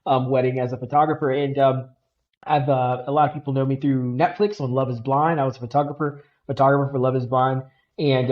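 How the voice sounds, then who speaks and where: Guy cohosting a podcast, earnest and rambly, mid pitch, kinda muffled audio. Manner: energetic, earnest, lots of fillers like "like" and "uh". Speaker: podcast co-host. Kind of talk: casual podcast storytelling.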